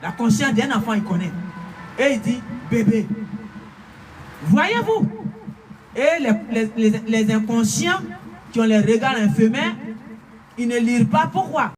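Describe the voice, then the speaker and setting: Slow, high-voiced man preaching. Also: sing-song. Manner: slow, emphatic delivery with frequent hallelujahs. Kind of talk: spiritual message. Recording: distant mic with faint room noise.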